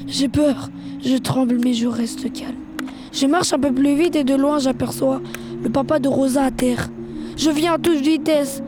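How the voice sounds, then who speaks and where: A woman voicing a grieving older man who stays calm through fear, in a slow first-person dramatic reading. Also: sits high. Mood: somber. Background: background music.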